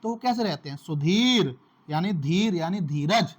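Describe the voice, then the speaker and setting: A man's voice: high-pitched, animated, a little slow. A man teaches exam facts through memory tricks. He talks casually, repeats each point several times, and keeps calling his listeners his brothers. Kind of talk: casual classroom-style lesson.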